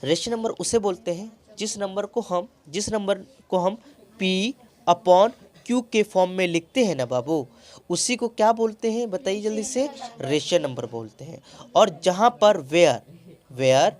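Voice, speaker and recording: A man's voice: sits high, darkish tone. A man teaching a classroom math lesson as a tutor, constantly prompting his pupils with questions and calling them by affectionate terms. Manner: coaxing call-and-response questioning.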